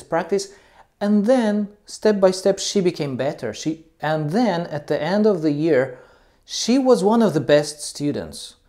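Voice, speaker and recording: A man whose first language isn't English, himself an English teacher, talks casually to the camera about teaching, loose and full of ums and uhs. His voice is on the high side with a darkish tone.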